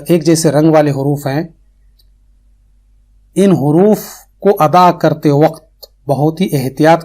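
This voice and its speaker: A man's voice: fairly high pitch, dark tone. A man with a Pakistani Urdu accent teaching tajweed in a recorded online lecture, earnest and explanatory, repeating his terms for emphasis.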